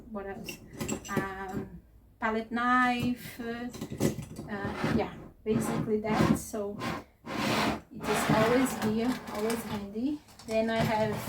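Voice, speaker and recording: Slow-talking non-native English-speaking woman, distant mic. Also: on the high side. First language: not English. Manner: hesitant, halting phrasing with searching pauses. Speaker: craft vlogger and presenter. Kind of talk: casual unscripted tour narration to viewers. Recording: distant mic with faint noise.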